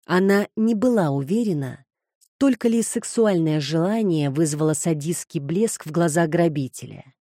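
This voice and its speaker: A woman narrating a novel in a calm, measured reading voice. Her tone is low and mellow, with a dark, soft color. The sound is dry and close to the mic, with no room behind it. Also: dry recording. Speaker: audiobook narrator. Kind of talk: scripted audiobook narration.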